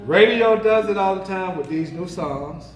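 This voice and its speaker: A man's voice: high voice, expressive, moderate pace. A man with a Southern US accent giving a playful, joking talk to a young audience about money, quizzing them as he goes. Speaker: speaker teaching kids about money. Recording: echoey hall with audience chatter.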